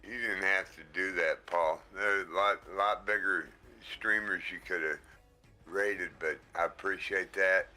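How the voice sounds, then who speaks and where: Streamer host on a headset mic: deep-voiced man, laid-back and slow, friendly thank-yous. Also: steady tone, pushed and bright, soft background music. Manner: slow, easygoing, thanks viewers often. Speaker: livestream host. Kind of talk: casual livestream chat.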